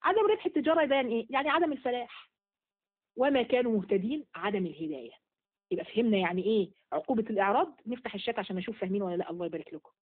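A woman with an Egyptian accent teaching an online Quran lesson, asking quick questions and repeating key words. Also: a little high, expressive. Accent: Egyptian Arabic. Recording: phone-like narrow audio.

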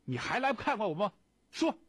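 A man shouting as a furious male prisoner. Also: on the high side, big pitch swings, normal speed, husky, no room sound, heavily acted. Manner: shouting, menacing demands.

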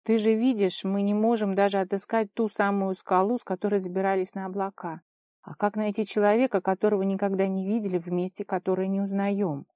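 A woman's voice: medium pitch, level tone, brisk, dark tone, dry recording, lightly acted. A woman reading an audiobook voices a sardonic young man who speaks with irony and weary exasperation. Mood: ironic. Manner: ironic, mocking then tender.

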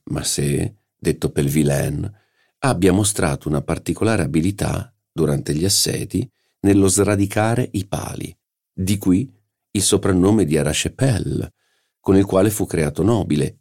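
A man's voice: low-pitched, vocal fry, darkish tone, heavily acted. A man voicing an older provincial nobleman who lectures precisely on family heraldry in an audiobook.

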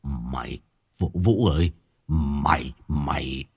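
A shocked older village father stammers and trips over his words in a low, halting voice, as a male storyteller plays him. His pitch lurches up and down as he repeats himself. It sounds like an audio storybook. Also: huge pitch swings, husky, heavily acted. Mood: stunned.

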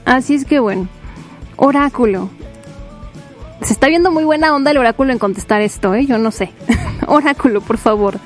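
A woman's voice: fairly high pitch, normal speed, long pauses, faint music behind. A woman, chatting casually on a live stream, giggling often and reading out her viewers' messages. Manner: giggly, playful, reads chat aloud.

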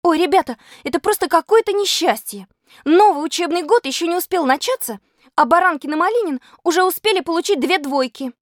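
A woman doing a shrill bossy schoolgirl. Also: big pitch swings, fairly quick, dry recording, studio quality. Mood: alarmed. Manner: shrill, scolding. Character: bossy excitable schoolgirl class leader.

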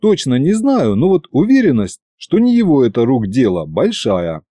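A man narrating an audiobook in a lively, wry storytelling manner. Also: mid-range voice, normal speed, no echo.

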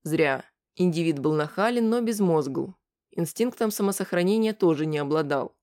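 An audiobook narrator telling a story in scripted narration with an even storytelling delivery. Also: medium pitch, normal speed.

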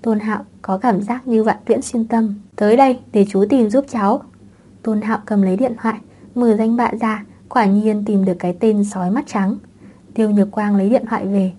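Calm woman reading a web novel. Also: mid-range voice. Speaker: audiobook narrator. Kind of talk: scripted narration of a web novel.

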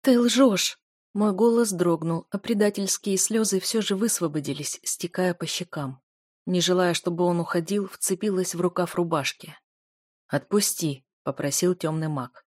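Woman, audiobook narrator, romantic fantasy, measured storytelling, dry close mic. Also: on the low side, darkish tone, no echo.

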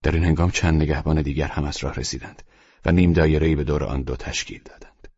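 A man narrates a storybook in a grave, measured tone. His voice is extremely deep and very husky. The recording is dry and dull, with a lo-fi sound. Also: steady tone, a little mellow, no echo. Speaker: audiobook narrator. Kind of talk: scripted narration.

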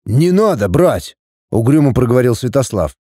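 A sulky, stubborn young prince who grumbles and snaps back, as a male narrator puts him on. The voice is warm and mellow with lively pitch, recorded dry and close. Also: moderate pace, no echo. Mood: sullen. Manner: grumbling, then barking back.

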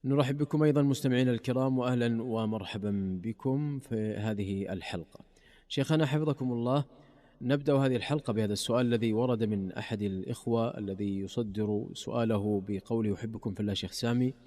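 A male radio host speaks formal Standard Arabic at a brisk pace. His voice is mellow and mid-pitched, with a courteous delivery. The sound carries a long reverberant tail. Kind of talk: formal Standard Arabic presenting, reading listener questions.

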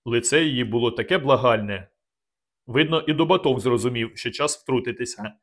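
A man calmly narrating a novel in the first person, as an audiobook. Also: medium pitch, brisk.

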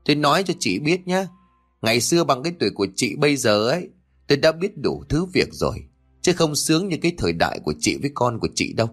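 A man voicing a harsh, nagging old grandmother who scolds rapidly, in an audio story. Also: medium pitch, sing-song, husky, faint music behind. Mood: indignant.

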